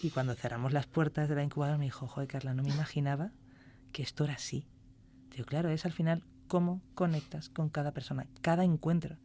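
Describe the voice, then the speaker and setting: A woman's voice: low voice, fairly even intonation, quick pace, mellow, a little hiss or hum. A woman, a music therapist chatting as a podcast guest, telling stories and acting out quoted dialogue. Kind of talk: casual podcast interview.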